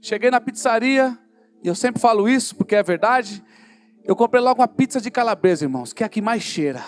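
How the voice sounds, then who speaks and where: A fervent Brazilian man preaching his own testimony from the pulpit, his voice sitting very high. He tells the story vividly and acts out the dialogue. Soft instrumental music plays faintly behind him. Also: expressive, fairly quick. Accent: Brazilian Portuguese. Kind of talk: sermon testimony. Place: church service in a hall.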